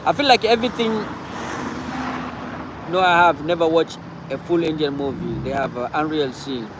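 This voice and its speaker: A man's voice: fairly high pitch, normal speed, background noise. A man from Cameroon, hosting a casual livestream and talking back to viewer comments, often repeating himself. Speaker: livestream host.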